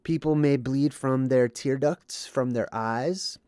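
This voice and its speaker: Slow and mellow, with a mid-range, clean-toned voice, the livestream host is heard in clean studio sound without room sound. He's a bit under the weather and congested as he explains things and reads chat, often checking in with "okay" or "right."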